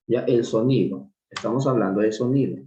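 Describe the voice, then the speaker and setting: A man teaching an online English class, explaining slowly and patiently with repeated examples. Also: mid-range voice, warm tone, reverberant, slight background noise, poor audio. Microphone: video call.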